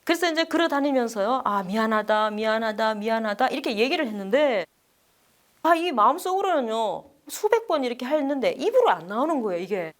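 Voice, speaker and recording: Nun lady telling a bible class story, lively, asks the room stuff, does all the voices. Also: sits high, a little fast. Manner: animated, acts out the people in her story; asks the audience questions.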